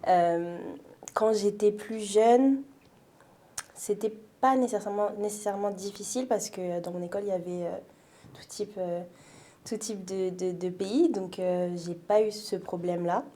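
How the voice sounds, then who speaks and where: A woman's voice: mid-range voice, steady tone, moderate pace. A woman in her twenties from France, talking through her story as an interview guest, thoughtful and full of fillers. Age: 20s. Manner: thoughtful, with frequent fillers and soft laughs. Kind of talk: casual interview conversation.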